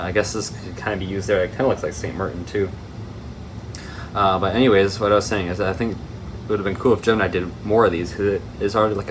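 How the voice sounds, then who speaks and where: A hobby video host with a low voice talks casually through an unboxing for his viewers, over a steady air-conditioning hum. His delivery rambles and often drifts off on tangents.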